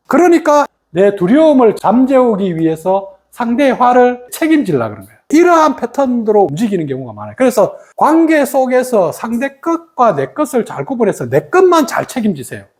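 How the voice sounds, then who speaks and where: Lively woman teaching meditation. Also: on the high side. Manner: animated, acts out quoted speech of others. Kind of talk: meditation lesson talk.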